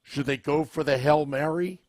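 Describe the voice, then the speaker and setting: This man's scratchy, worn voice sits on the high side as he hosts a live-streamed podcast, chatting casually, reading viewer comments and asking his audience questions at a relaxed, unhurried pace. The recording has no echo.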